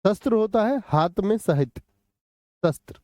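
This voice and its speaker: A man's voice: sits high, animated, unhurried, a little mellow, no echo. A man teaching a live online Hindi exam-prep class, quizzing students with repeated questions and answering chat messages.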